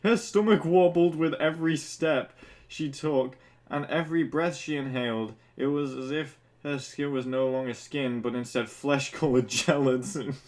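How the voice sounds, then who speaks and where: A tipsy man speaks in a mid-range voice at normal speed while reading fan fiction aloud. He's a comedic commentator, stumbling over the prose and breaking off to swear at it mockingly.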